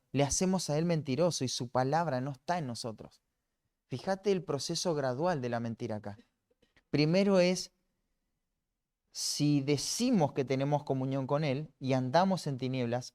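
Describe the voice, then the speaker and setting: A man's voice: a little high, darkish tone. Earnest Rioplatense man teaching Bible class. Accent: Rioplatense Spanish. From Argentina. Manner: earnest, frequent restarts and repeated words.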